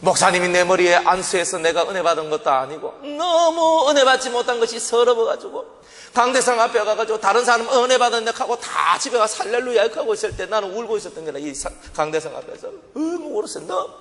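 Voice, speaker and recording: High-pitched and quick, with a fairly bright tone, a male pastor from the Gyeongsang region tells his testimony from the pulpit. He dramatizes his past, acting out how he once prayed and cried, while a church hall's long reverb surrounds him.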